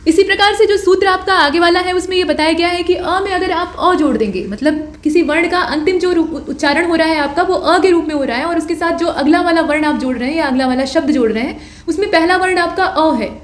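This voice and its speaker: A woman's voice: extremely high pitch, brisk, few pauses, reverberant. A woman teaching an exam-prep grammar lecture, patiently explaining rules and answering her own questions.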